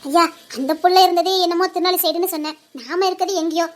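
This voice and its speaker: A woman acts out a kindly older village woman, her voice very high and rushed. She frets over everyone in quick, motherly rural speech. It is a soft-hearted voice from a Tamil audio drama. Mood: concerned. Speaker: elderly village caretaker.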